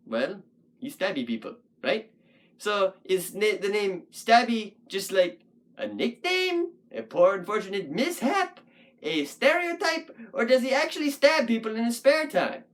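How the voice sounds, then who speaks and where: Puppeteer doing a goofy wolf puppet, rambles n thinks out loud, voice bounces up and down a lot, casual puppet vlog. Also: medium pitch, sing-song, measured pace. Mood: playful musing. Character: shaggy talking wolf puppet, playful and goofy. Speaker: puppet show host.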